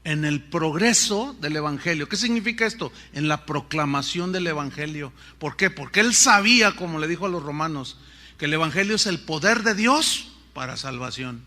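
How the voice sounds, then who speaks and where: A man's voice: on the high side, expressive, moderate pace, pushed and bright. A middle-aged man, preaching a sermon with rhetorical questions and playful asides. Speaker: pastor.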